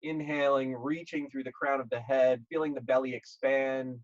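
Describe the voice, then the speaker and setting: A yoga instructor guides his class in a gentle, calm manner, using short, measured phrases broken by pauses. His voice sits in the mid range, and the high frequencies are cut off.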